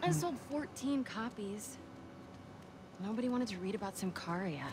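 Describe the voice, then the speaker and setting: Determined young woman journalist voiced by an actress, mid pitch, natural game dialogue, noisy ambience. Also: expressive, moderate pace, close to an everyday voice. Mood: frustrated, determined. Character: determined, frustrated young woman newspaper reporter.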